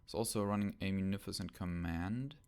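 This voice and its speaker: A man co-hosting a casual podcast about a tabletop game, thinking aloud and hesitating with many ums, on rough home audio. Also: low voice, a little fast, darkish tone. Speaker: podcast co-host.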